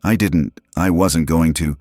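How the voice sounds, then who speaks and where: A man reading as a conflicted young Jedi, deep-voiced. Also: a little slow, a little mellow, no echo, clean studio sound. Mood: troubled. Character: young male Jedi knight, conflicted and defensive.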